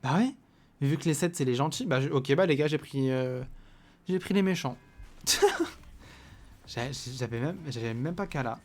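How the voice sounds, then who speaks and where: A man streaming himself playing a video game, excitable and swinging from loud exclamations to muttering. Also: medium pitch, measured pace, long pauses. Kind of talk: live gameplay commentary.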